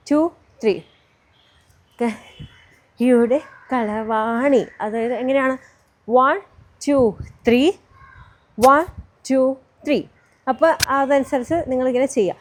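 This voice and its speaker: A woman teaching a dance step by step, counting beats aloud and singing song lines slowly as cues. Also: high-pitched.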